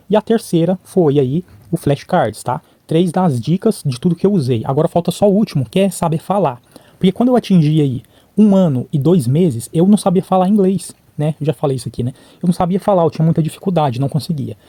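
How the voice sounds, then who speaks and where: A chatty male vlogger talks fast to camera about learning English, his dark voice a little high and free of echo. He keeps checking in with "tá?" and "né?" and replays conversations by imitating both sides.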